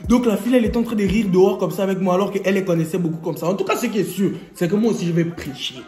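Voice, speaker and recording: A young man tells a storytime vlog in a high, very fast voice, joking and laughing often as he goes. The room is echoey, with faint music in the background.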